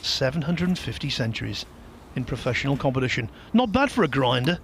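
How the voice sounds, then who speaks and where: A man's voice: mid-range voice, big pitch swings, a little fast. A man giving live commentary on a snooker match. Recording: light background noise.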